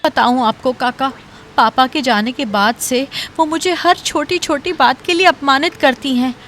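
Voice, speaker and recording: A high-voiced young cartoon daughter-in-law. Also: female voice, normal speed, a bit bright, slight background noise. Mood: upset. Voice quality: earnest, firm. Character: young daughter-in-law, proud and loyal to her father. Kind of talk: cartoon voice acting.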